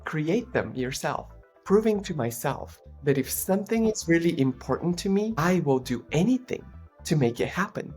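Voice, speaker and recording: A middle-aged Bulgarian woman, once an Olympian and now an executive coach, shares her life story as a podcast guest, earnest and reflective. Her voice is low-pitched and darkish with a breathy edge.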